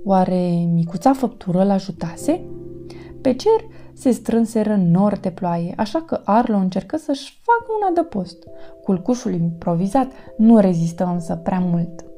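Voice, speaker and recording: A woman reading a children's storybook aloud as narrator, in an expressive, lively storytelling manner. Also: mid-range voice, soft background music.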